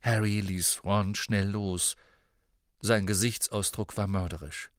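A man reading an audiobook with expressive, dramatic narration. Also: lowish voice, takes it slowly, no room sound, clean studio sound. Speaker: audiobook reader.

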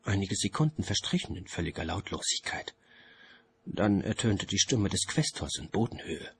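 A man narrating an audiobook in a theatrical, expressive storytelling manner. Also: sits low, moderate pace, gravelly, husky.

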